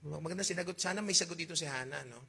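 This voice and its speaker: A man with a Filipino accent preaching a sermon, reading old-fashioned scripture slowly and asking his congregation questions. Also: on the high side, gravelly, pushed and bright. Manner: mixes Tagalog and English, reads KJV verses slowly; asks the congregation questions, jokes. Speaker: pastor.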